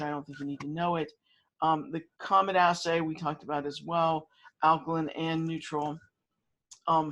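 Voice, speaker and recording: A man's voice: a little high, a bit bright, rough recording. A man lecturing to students, talking through methods with frequent fillers and restarts. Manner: halting, many fillers and restarts. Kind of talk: university lecture.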